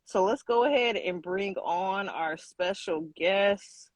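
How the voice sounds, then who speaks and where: A man's voice: high-pitched, takes it slowly, no room sound. A man co-hosting a casual online show, speaking in an upbeat, easygoing way over a video call. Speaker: co-host.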